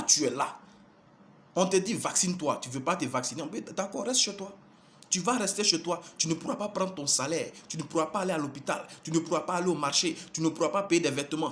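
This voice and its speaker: A man with a somewhat high voice delivers a fervent, exhortative monologue. He hammers his points home through repetition and keeps addressing his listeners as brothers and sisters. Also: fairly bright tone, a little hiss or hum. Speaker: preacher addressing followers. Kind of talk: impassioned monologue.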